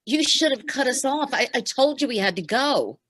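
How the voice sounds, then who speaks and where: A woman's voice: high voice, lively intonation, normal speed, fairly bright tone, dry recording. An actress playing a fretful young woman who is anxious to get home to her parents, in an amateur stage play. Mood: panicked.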